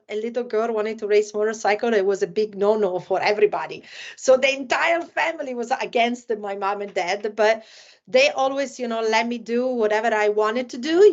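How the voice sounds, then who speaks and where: An Italian woman with an Italian accent hosts a casual podcast chat, her voice on the high side and the sound lo-fi. She fills her talk with lots of fillers like "you know, like."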